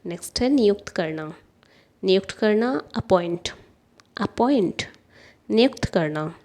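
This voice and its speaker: Slow, deliberate woman drilling vocabulary. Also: mid-range voice, animated, darkish tone. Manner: repeats each word slowly, deliberate. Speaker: English vocabulary teacher.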